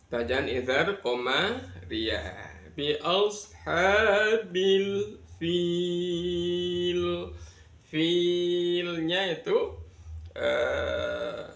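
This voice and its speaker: A man's voice: medium pitch, gravelly, fairly bright tone. A man from Indonesia teaching Quran reading rules, patiently spelling out letters and counting learners in. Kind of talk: tajwid lesson with recitation. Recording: echoey room.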